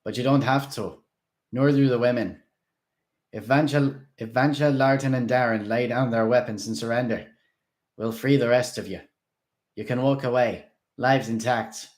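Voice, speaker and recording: A man voicing a calm, authoritative guard of a vampire lord who speaks in a formal, measured way. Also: mid-range voice, pitched above the performer's own voice, lightly acted. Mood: commanding.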